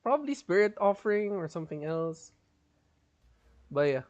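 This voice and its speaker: A man in a high, sing-song, slightly mellow voice streams a game at a moderate pace, casually explaining his build and laughing frequently. His voice is strained and he keeps holding back a cough.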